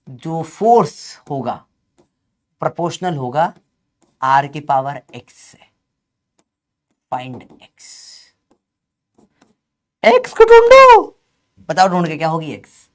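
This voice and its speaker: High-voiced scolding male physics teacher. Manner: scolding, joking, calls students beta. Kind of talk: online coaching lecture.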